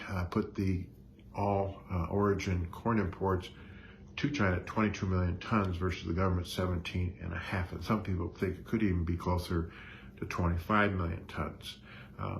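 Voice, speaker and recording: A man giving morning market commentary as an analyst, in a halting, hesitant delivery with frequent pauses. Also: low-pitched, slight background noise.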